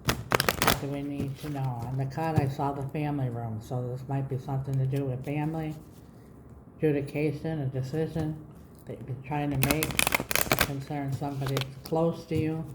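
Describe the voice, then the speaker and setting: Lady doing a tarot reading, low mellow voice w a lisp, bit of noise behind her. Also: steady tone, normal speed. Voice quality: lisping after mouth surgery. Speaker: tarot reader, channel host. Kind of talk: spoken tarot reading to viewers.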